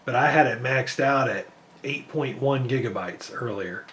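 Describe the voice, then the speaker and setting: A man's voice: mid-range voice, measured pace, fairly bright tone, a little hiss or hum. Man losing his voice, talking over gameplay. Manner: rambling, thinking aloud with fillers. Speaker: PC gaming benchmark creator. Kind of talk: casual gameplay commentary.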